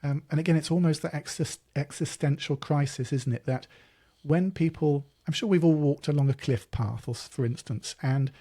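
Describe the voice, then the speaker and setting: Podcast host, man, thoughtful and rambling, dark gravelly voice. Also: a little high, moderate pace. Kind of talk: interview chat.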